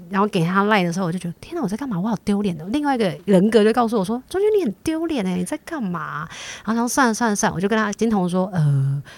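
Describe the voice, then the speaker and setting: A woman's voice: on the low side, dry recording. A woman hosting a podcast, telling a story in a casual way and acting out what others said. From Taiwan. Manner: animated storyteller acting out quotes. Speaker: podcast host.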